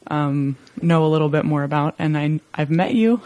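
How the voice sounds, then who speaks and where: A woman's voice: deep voice, moderate pace, warm tone, no echo. A podcast host leading a casual interview, curious and eager, reacting often to her guest's answers.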